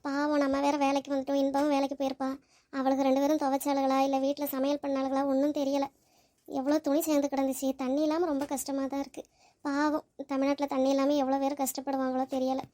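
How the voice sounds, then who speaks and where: A woman's voice: sits high, monotone, quick pace, dark tone, close to an everyday voice. A woman voicing a young woman who took in a crying baby, fretful and pleading as she talks to herself. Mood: earnest. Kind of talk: cartoon voice acting.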